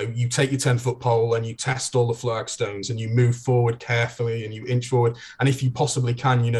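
Husky-voiced man explaining calmly. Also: mid-range voice. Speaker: game designer guest. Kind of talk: podcast conversation.

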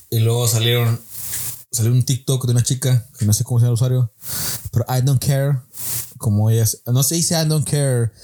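A young man with a Mexican accent talks through a casual solo podcast episode, joking and doing mocking impressions between laughs. His voice is mellow and warm, sitting at a middle pitch. A faint noise runs under the recording. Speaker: podcast host.

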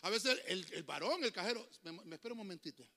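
Emphatic Honduran pastor preaching. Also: male voice, sits high, animated, quick pace, vocal fry, bright, forceful tone, in a large hall. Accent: Honduran Spanish. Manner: preachy and emphatic, calls out to the congregation. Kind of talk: sermon. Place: church hall.

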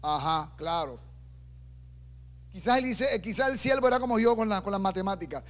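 A middle-aged man preaching a sermon, animated and humorous, acting out voices as he tells the story. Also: high-pitched, fairly quick. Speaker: pastor.

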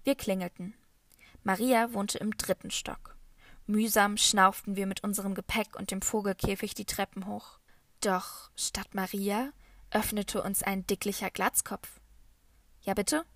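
A woman reading a children's novel as first-person scripted narration, in a calm storytelling manner. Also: mid-range voice, a little slow, dry recording. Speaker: audiobook reader.

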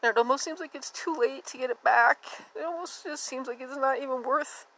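A woman's voice: high-pitched, fairly quick, a bit bright, rough recording. A woman hosting a podcast, talking in a candid, rambling personal monologue with many fillers and a subdued, unsteady delivery. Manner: rambling and confessional, with frequent fillers. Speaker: podcast host.

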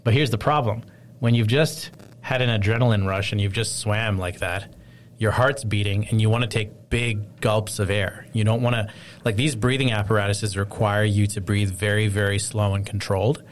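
A man telling a long personal story in casual chat, rambling and animated, full of fillers. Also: lowish voice, normal speed, a little hiss or hum.

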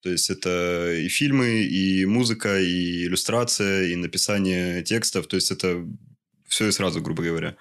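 A young man in his twenties with a very low voice answers interview questions. He talks haltingly and searches for his words. He pads his thoughts with small fillers. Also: a bit bright. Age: 20s. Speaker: interview guest. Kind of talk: casual interview conversation.

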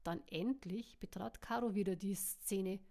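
Brief: woman narrating her novel, plain and unhurried, mid pitch. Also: a little mellow. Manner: plain narration with small slips. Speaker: author reading her novel. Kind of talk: reading a novel aloud.

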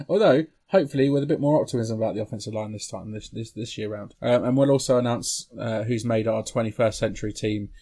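A man's voice: on the low side, fairly quick, warm tone. A British man hosting a sports podcast in a chatty, informal way. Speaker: main podcast host. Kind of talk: casual sports podcast chat.

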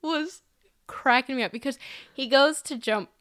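A woman's voice: sits high, measured pace, a bit bright, clear, resonant tone, dry recording, clean studio sound. A young woman co-hosting a casual podcast review, talking animatedly and acting out character lines with laughs. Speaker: podcast co-host.

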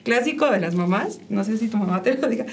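Gravelly-voiced woman sharing testimony. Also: a little high, expressive, quick pace. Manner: emotional, with frequent fillers and quoted inner speech. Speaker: guest sharing her testimony. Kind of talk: personal faith testimony.

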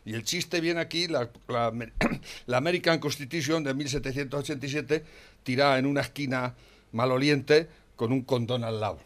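A middle-aged man with a Spanish accent from Spain, ranting and swearing in a heated political chat, tagging a questioning "eh" onto his lines and swinging between muttered disgust and shouting. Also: medium pitch, moderate pace.

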